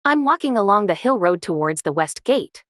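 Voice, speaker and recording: A woman giving calm, measured, scripted travel narration as a vlogger on a winter hike. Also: medium pitch, no echo, studio quality.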